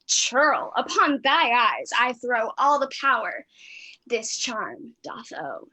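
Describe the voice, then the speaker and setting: A mischievous fairy sprite, played by a woman, unhurried and sing-song in rhyme. The voice is high and slow-paced. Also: sing-song, sharp tone, full character voice, poor audio. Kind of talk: Shakespeare reading.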